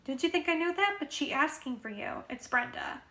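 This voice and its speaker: A woman reading aloud and voicing a nosy, outspoken clinic receptionist, loud and sassy. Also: high voice, expressive, fairly quick, heavily acted. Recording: roomy echo.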